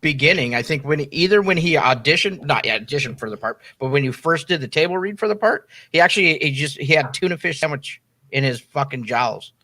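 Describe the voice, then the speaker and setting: A man chimes in eagerly during a rowdy chat, quick to agree and to tell stories. His voice is bright and a little high. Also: lively intonation. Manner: enthusiastic, quick agreeing, swears. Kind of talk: rowdy casual chat among friends.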